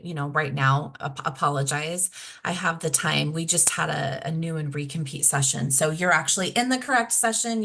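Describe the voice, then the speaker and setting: A woman presenting a grant webinar over a video call, explaining deadlines and budgets plainly, losing her voice and clearing her throat. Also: lowish voice, a bit bright. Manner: plain, explanatory, self-correcting. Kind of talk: technical assistance webinar.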